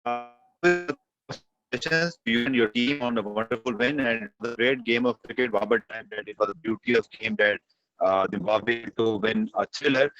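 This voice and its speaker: A man's voice: medium pitch, normal speed, fairly bright tone, faint music behind. Man on a breaking-up video call. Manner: hesitant, many filler sounds. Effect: video call line breaking up and dropping out. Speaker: reporter asking questions. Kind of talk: press conference question by video call. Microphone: remote video call. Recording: dull lo-fi broken online call.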